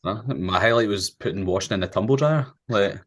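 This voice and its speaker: A man's voice: on the low side, fairly quick, fairly bright tone. A man, co-hosting a podcast, teasing his friends in sweary banter. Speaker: podcast co-host. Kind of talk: casual banter.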